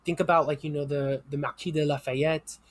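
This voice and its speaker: Male history teacher, fairly high voice, casual explanatory lecture delivery, dry recording. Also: steady tone, fairly quick, no echo. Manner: explanatory, conversational, with fillers and asides.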